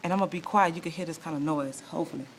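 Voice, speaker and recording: A woman's voice: deep voice, very fast, background noise. A woman giving a casual walkthrough of her salon and its basement, chatty and exasperated, with wry laughs, filming on a handheld camera. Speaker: salon owner showing her space. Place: building basement and salon, indoors.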